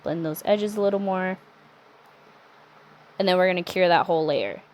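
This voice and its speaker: A young adult woman talking through a nail art tutorial in a chatty, relaxed way, with self-correcting asides. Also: on the low side, normal speed, slight background noise. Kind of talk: casual step-by-step tutorial narration.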